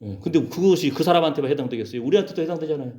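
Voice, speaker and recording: A male pastor preaching a lively sermon, acting out quoted voices and calling for amens from the congregation. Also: on the high side, racing. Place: church sanctuary. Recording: roomy church sound, dull lo-fi.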